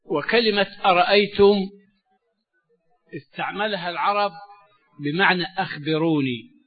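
A man giving a religious lesson, measured and explanatory, often repeating key words. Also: sits high. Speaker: Quran teacher. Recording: dull lo-fi recording with faint music.

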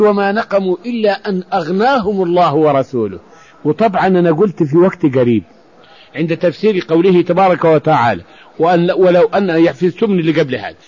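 A man preaching, telling an old story and explaining scripture, often restarting and repeating words. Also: high voice. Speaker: Islamic preacher. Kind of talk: sermon storytelling with Quran commentary. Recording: dull lo-fi radio recording.

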